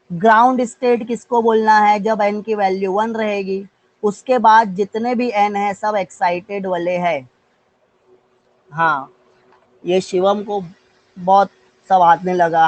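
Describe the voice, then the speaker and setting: A man's voice: high voice, dull audio. A male physics teacher with an Indian accent, giving an online live class and coaxing students with questions. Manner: mixes Hindi with English terms.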